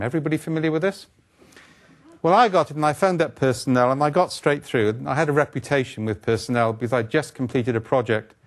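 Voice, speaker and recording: An older man giving a conference keynote lecture, brisk, wry and blunt, throwing in asides and rhetorical questions. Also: mid-range voice. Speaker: keynote speaker. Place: conference stage, indoors.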